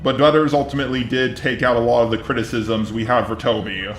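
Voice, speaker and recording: With fairly even intonation, a male YouTube commentator delivers scripted remarks in a calm, conciliatory, measured tone. His average-pitched voice echoes in a roomy space, and soft music plays faintly underneath.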